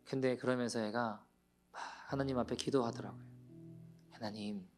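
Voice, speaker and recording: A pastor giving a Sunday sermon in a church, telling a story with feeling and dropping to soft near-whispers. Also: male voice, medium pitch, moderate pace, faint music behind. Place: church sanctuary.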